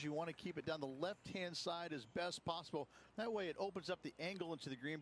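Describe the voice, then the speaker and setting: Higher-voiced male golf analyst, faint noise. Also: a bit bright. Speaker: golf course analyst and commentator. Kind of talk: golf commentary describing holes.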